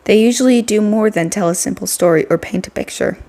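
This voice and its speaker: A woman voicing a shy, formal, soft-spoken teenage girl from a game, polite and hesitant. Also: mid-range voice, fairly quick, close to an everyday voice. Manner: hesitant, polite, self-deprecating.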